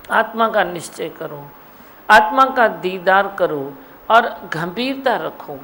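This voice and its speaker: A woman's voice: mid-range voice, slight background noise, low-quality recording. A woman, a spiritual teacher giving an exhorting devotional discourse at a live gathering. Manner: exhorting, repetitive, quotes devotional verses. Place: satsang hall.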